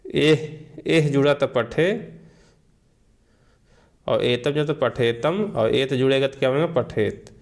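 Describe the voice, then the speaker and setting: A man teaching a Sanskrit grammar lesson, drilling listeners with slow call-and-repeat recitation. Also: medium pitch, vocal fry.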